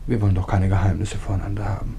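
An actor playing a controlling husband who coaxes and threatens in a mock-affectionate way, in a classic radio drama. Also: male voice, low-pitched, flat delivery, rapid-fire, mellow, slight background noise. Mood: menacing. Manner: coaxing turning to cold threat, mock-affectionate. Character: controlling, menacing husband, sweetly sinister. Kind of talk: 1950s-style radio drama acting.

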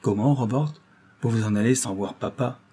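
A man reading the part of a frank, impulsive young woman who speaks in a lively, indignant way. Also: medium pitch, normal speed, slightly rough, lightly acted.

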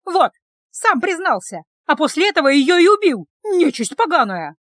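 A woman voicing a furious young village woman who shouts and scolds shrilly. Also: very high voice, sing-song, normal speed, no echo, studio quality, pitched above the performer's own voice, exaggerated voice. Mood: furious, shrill.

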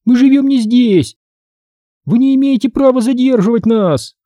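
A man's voice: moderate pace, dark tone, no echo, studio quality. A man putting on a whiny scared girl. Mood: whining. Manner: shrill, whining pleas. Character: frightened young schoolgirl, whiny and pleading. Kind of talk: audiobook character voice.

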